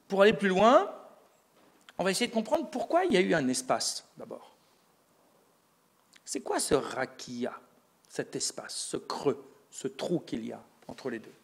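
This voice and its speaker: A man's voice: a little high, lively intonation, measured pace, creaky, long pauses. A man giving a lecture on religious texts, explaining step by step and posing rhetorical questions that he answers himself. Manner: explanatory, building an argument step by step. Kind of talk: recorded lecture.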